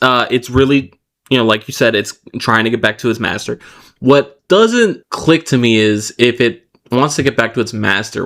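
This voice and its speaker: A man co-hosting a podcast, moving between relaxed chat with fillers and restarts and read-out passages of plot summary. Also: on the low side, vocal fry. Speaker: podcast co-host. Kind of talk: casual chat mixed with reading a plot summary.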